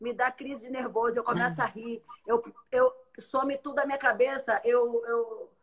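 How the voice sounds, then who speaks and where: Laughing woman preacher, higher voice. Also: moderate pace, poor audio. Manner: animated, laughs easily, self-mocking. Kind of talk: casual chat.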